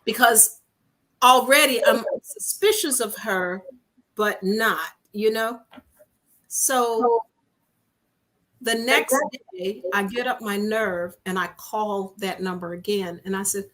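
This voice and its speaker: A woman, an interview guest, telling a personal story in a lively way and often repeating "I said" as she recounts conversations. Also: medium pitch, slow, rough recording. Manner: animated, repeats "I said" as she retells dialogue.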